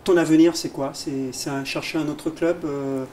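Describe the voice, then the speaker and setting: A man's voice: on the high side, fairly even intonation, moderate pace, warm tone, slight background noise. A man interviewing a guest in a casual, familiar way. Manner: friendly, familiar questioning.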